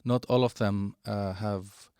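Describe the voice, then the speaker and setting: A man giving a halting walkthrough of an online platform, with many fillers and restarts. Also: fairly low pitch, fairly even intonation, mellow, smooth, no room sound, clean studio sound. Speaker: presenter of a digital platform. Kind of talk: screen-share product walkthrough.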